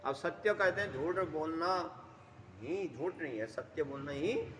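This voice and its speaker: Guy giving a devotional sermon, keeps clearing his throat, sounds far off in a big echoey room with faint noise. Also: fairly high pitch, lively intonation, measured pace, a bit bright. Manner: recites Sanskrit verses then explains in Hindi. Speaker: religious storyteller. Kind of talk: devotional scripture discourse.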